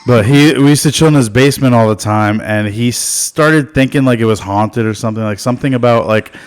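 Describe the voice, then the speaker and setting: A man's voice: medium pitch, a little fast, smooth. Rambling man telling a story on a podcast. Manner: rambling, animated, swears and laughs while telling stories. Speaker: podcast co-host. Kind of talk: casual storytelling chat. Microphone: studio podcast mic.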